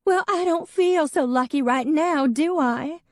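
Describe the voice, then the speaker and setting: A woman's voice: unhurried, no echo, clean studio sound. A woman voicing a tearful, dramatic young woman who weeps as she talks, in an audiobook. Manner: weeping, high-strung.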